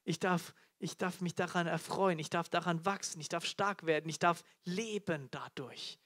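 A man's voice: fairly high pitch, normal speed, fairly bright tone. A man preaching a live sermon to a congregation, fervent, often calling out hallelujah and repeating key phrases. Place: church teaching event before a congregation.

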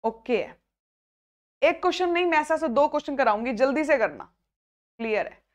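Woman math teacher, young adult, high voice, energetic, checks in with students constantly. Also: moderate pace. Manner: lively, coaxing students by name, repeats and checks understanding. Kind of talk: live online math class.

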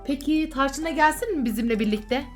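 A woman with a fairly high voice chats as a mother hosting a casual children's vlog. She is playful and coaxing, full of sing-song questions, over faint background music. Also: fairly quick.

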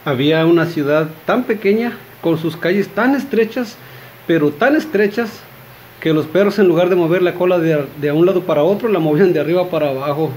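A man with a Mexican accent tells one short joke after another, rambling with fillers and chatting asides to his audience. His voice sits somewhat high for a man. A faint background noise runs under the recording. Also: brisk, darkish tone. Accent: Mexican Spanish. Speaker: joke teller. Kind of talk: telling short jokes.

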